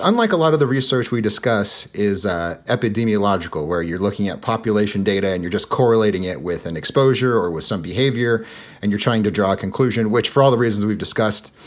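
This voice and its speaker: A man with a lowish voice hosts a podcast in relaxed conversation. He jokes and turns sarcastic at times, and he leans on fillers as he explains things. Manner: joking, sarcastic, lots of fillers. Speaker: podcast host. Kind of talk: casual podcast chat.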